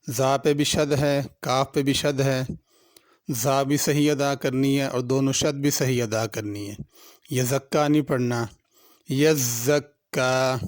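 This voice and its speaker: A man's voice: mid-range voice, smooth, dry recording, clean studio sound. A man with a Pakistani Urdu accent teaching Quran tajweed, patiently and methodically explaining each pronunciation rule. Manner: patient, methodical, repeats each word slowly before explaining the rules. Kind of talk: tajweed lesson, alternating slow drawn-out recitation with spoken explanation.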